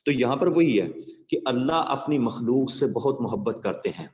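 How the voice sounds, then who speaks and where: A man's voice: mid-range voice, animated, darkish tone, big-room sound, lo-fi sound. A male teacher giving a classroom lecture on a poem, asking his students rhetorical questions and telling them moral stories. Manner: asks the class rhetorical questions and checks understanding.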